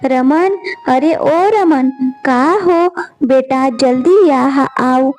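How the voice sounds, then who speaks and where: A woman voicing a greedy, sharp-tongued older mother-in-law in an animated storybook. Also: high voice, takes it slowly, soft background music. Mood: scolding. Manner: harsh, scolding, later pleading.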